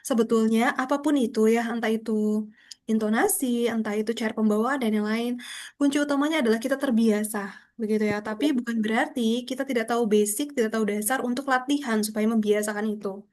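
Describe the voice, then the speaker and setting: A woman's voice: fairly high pitch, steady tone, fast, darkish tone. A young woman lecturing a public speaking class over a video call, explaining patiently with frequent tag questions. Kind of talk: online class instruction.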